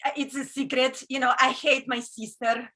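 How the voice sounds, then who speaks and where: A woman doing stand-up, speaking English as a non-native, with a deadpan delivery full of fillers and restarts. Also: high-pitched, moderate pace, low-quality recording. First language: not English. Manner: deadpan, self-interrupting with fillers. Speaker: stand-up comedian. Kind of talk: stand-up set.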